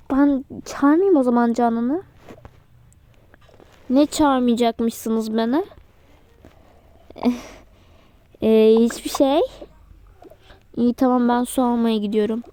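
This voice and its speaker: A woman's voice: fairly high pitch, mellow. Woman voicing a playful toy role-play. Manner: switches between character voices in playful dialogue. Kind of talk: casual role-play voicing several characters.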